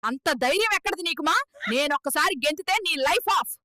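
A woman's voice: high voice, animated, fast talker, pushed and bright, no echo, clean studio sound. A woman voicing a spoiled, jealous young house cat that bosses and boasts in a cartoon. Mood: bossy. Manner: bossy, boastful, quarrelsome. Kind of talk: cartoon voice acting.

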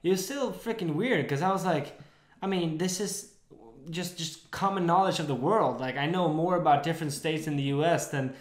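A man's voice: fairly high pitch, normal speed. A young man from Sweden, casually chatting at a table as a podcast co-host, often repeating words as he gets going. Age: young adult. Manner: animated, repeats words when starting sentences. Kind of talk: casual chat. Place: living room at a table. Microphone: desk mic. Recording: roomy echo.

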